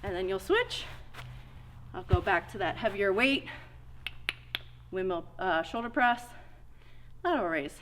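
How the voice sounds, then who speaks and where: A woman's voice: mid-range voice, sing-song, unhurried, long pauses, background noise. A woman in her thirties coaching a dumbbell workout, cueing each move step by step and a little out of breath. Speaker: fitness coach. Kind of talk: workout instruction.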